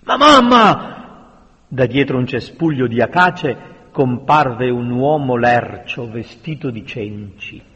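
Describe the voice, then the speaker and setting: A man narrating a historical novel aloud in a slow, measured reading manner. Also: medium pitch, muffled recording. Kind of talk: audiobook narration. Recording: long reverberant room sound.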